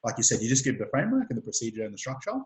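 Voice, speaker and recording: A man hosting a casual interview, stumbling over repeated words and filling pauses with ums. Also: medium pitch, sing-song, darkish tone. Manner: stammering repeats and many ums. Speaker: host. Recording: echoey room sound.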